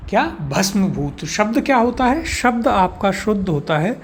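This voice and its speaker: A man's voice: sits high, sing-song, normal speed, a little hiss or hum. A man teaching a spelling lesson for an exam course, walking through words one by one and asking rhetorical questions before giving each answer. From India. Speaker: Hindi teacher.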